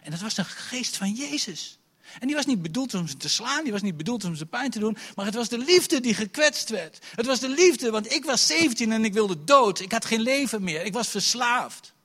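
A man preaching an Easter sermon, swinging between loud bursts and hushed asides, acting out quoted dialogue in character voices. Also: very high-pitched, expressive, moderate pace, husky. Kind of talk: lively Easter sermon with personal story.

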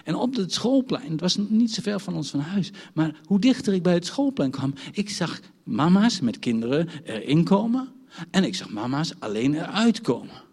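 A man's voice: fairly high pitch, big pitch swings, normal speed, a little mellow, breathy edge, big-room sound. A man preaching a sermon, telling a story from his childhood and building to emphatic points.

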